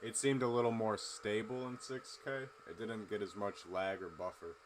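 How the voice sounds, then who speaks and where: Casting: young guy with a low voice, loose and chatty, streaming late at night with a faint hiss behind. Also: normal speed. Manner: relaxed, rambling, full of fillers.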